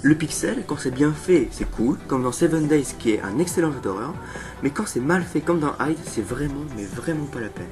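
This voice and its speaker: A man's voice: a little high, animated, normal speed, recorded from a distance. A young man giving casual, sarcastic commentary as the host of a horror game review show. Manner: sarcastic, mocking asides. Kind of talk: casual scripted video commentary on horror games. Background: music.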